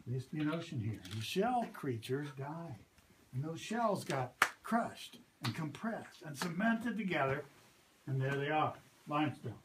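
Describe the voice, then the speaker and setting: A man's voice: fairly high pitch, big pitch swings, moderate pace. A man working as a park ranger, giving a guided cave tour in a patient, explanatory way. He often checks in with the group. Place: visitor center lobby, then inside a cave. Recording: echoey cave with loud ambient noise.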